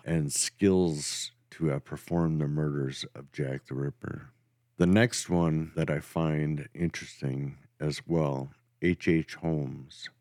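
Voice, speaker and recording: A man hosting a podcast, telling a true crime story in a steady, matter-of-fact way. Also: rumbling low, no echo, clean studio sound. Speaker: podcast host.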